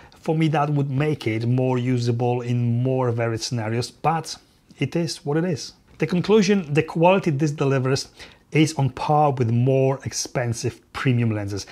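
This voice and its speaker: A man's voice: medium pitch, a little mellow. A man presenting a camera lens review to camera, upbeat, with informal asides and a few fillers.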